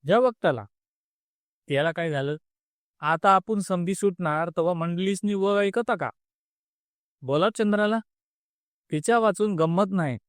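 A man's voice: sits high, unhurried, long pauses, no echo, clean studio sound. A man playing a jeering rustic convict. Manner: coarse rural dialect, jeering. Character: rough rustic male convict, mocking and crude.

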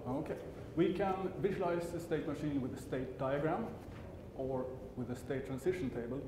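Speaking at a normal pace with a fairly high, expressive voice, this middle-aged conference speaker from Sweden presents technical material in a big hall whose roomy acoustics carry a background hum. His Swedish accent comes through, along with frequent self-corrections and dry humor.

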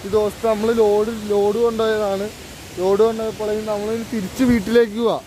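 High-voiced young Kerala man mixing Malayalam and English. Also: level tone, fast, warm tone. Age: 20s. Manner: mixes English words into Malayalam. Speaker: travel vlogger. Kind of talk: casual vlog chat to viewers. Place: outdoors by roadsides, dam and waterfall. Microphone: handheld phone at arm's length. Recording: noisy outdoor roadside, wind and traffic.

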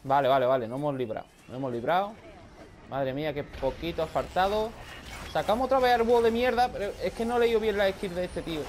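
A man with a Spain Spanish accent commentates his game live, loud and excitable. He shouts and swears often, his pitch leaping up and down. A faint hiss sits under the voice. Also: fast. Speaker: gaming video creator.

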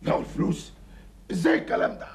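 An actor playing a fiery common man, bedridden and excitable, in a period TV drama. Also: very fast, slight background noise, lightly acted. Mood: wry. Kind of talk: 1970s-80s television drama acting.

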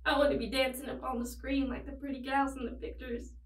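Woman acting a high-voiced, sorrowful tragic young heroine. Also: little pitch movement, brisk, slight background noise, close to an everyday voice. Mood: wistful, sorrowful. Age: young adult. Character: tragic young farm woman, sorrowful, desperate, confessing dark deeds. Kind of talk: dramatic monologue performance. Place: indoors against a plain backdrop. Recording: roomy, distant microphone.

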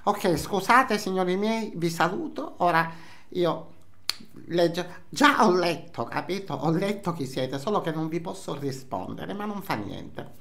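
A man's voice: high-pitched, lively intonation, measured pace, vocal fry, a bit bright, heavily acted. An older man playing a nosy, indignant Sicilian housewife in a comic monologue, scolding and repeating himself in Sicilian dialect. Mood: resigned, chatty. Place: small indoor room, seated facing camera.

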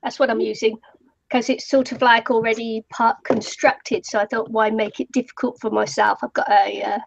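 A woman co-hosting a live craft stream, speaking in a relaxed, offhand way with short replies. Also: on the high side, normal speed, creaky, dry recording. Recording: dry, lo-fi live-stream audio.

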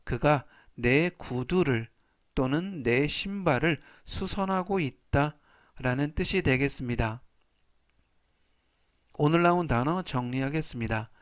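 A man teaching English vocabulary in a formal, polite way, saying each word slowly three times. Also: a little high, no room sound, studio quality. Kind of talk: slow scripted vocabulary lesson.

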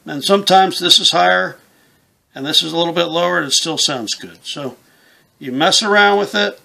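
A man's voice: on the high side, normal speed, gravelly, sharp tone. A man in his fifties giving a casual, plain-spoken hands-on tutorial, explaining things step by step in an informal way. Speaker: instructor, game call maker. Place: small indoor room with camouflage backdrop.

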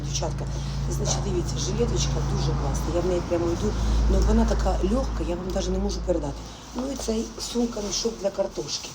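A woman rattles off a quick, affectionate morning vlog as she dresses at home, talking straight to her viewers. Her delivery is brisk and talkative, with faint ambience behind her. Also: lowish voice, background noise. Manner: chatty, affectionate, addresses viewers as "my dears"; drops to a whisper at times. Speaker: vlogger. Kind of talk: casual morning vlog chat.

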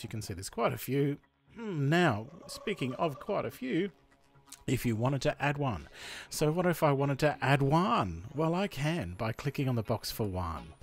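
A man from Australia hosting a software tutorial voice-over, explaining each step in a chatty way. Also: medium pitch. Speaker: tutorial host. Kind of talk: screen-recording tutorial voice-over.

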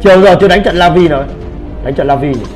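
A man's voice: on the high side, quick pace, music in the background. A man giving brash live commentary on a game he is playing, swearing and trash-talking his teammates. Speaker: gaming streamer.

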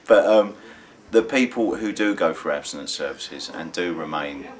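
Deep-voiced earnest man in recovery. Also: lively intonation, normal speed. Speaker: person in recovery. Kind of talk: vox pop interview. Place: indoor studio with dark backdrop.

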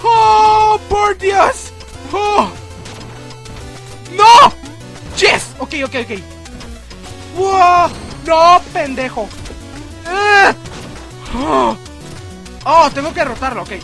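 A man's voice: very high-pitched, extremely slow, pauses often, soft background music. A young man commentating his gameplay, yelping and exclaiming at every turn. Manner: excitable, yelps and shouts at the game. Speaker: gamer. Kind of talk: let's play commentary.

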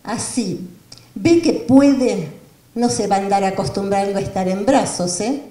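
Woman acting as a teasing, gruff father. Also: mid-range voice, lively intonation, a little slow, mellow, roomy sound, distant mic, close to an everyday voice. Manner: playful, gruff, coaxing. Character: doting father teasing his baby boy.

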